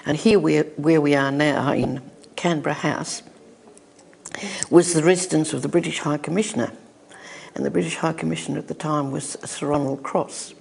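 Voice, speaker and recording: Elderly woman, gravelly, chuckling anecdote, faint hiss. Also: deep voice, fairly even intonation, moderate pace, darkish tone. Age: 80s. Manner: fond, chuckling storyteller. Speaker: oral history interviewee. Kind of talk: reminiscing anecdote.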